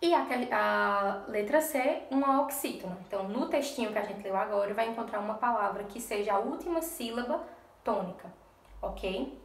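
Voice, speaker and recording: A woman's voice: mid-range voice, animated, moderate pace, echoey room, recorded from a distance. A woman teaching a lesson to young children in a recorded remote class, patient and step by step, often checking in with the class. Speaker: primary school teacher.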